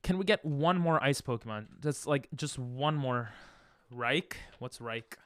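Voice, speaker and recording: Unhurried and a bit bright, a mid-range male voice comes through with no echo. The speaker, a native Hebrew speaker, chats casually during a live game stream, reading chat and dropping silly freestyle rhymes.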